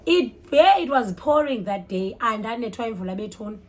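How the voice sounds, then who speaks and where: Her voice is on the high side and a little quick as this Xhosa-accented South African vlogger spins a story in an expressive, relaxed way. She flips between languages mid-sentence, exclaims, and acts out what characters say with plenty of animation.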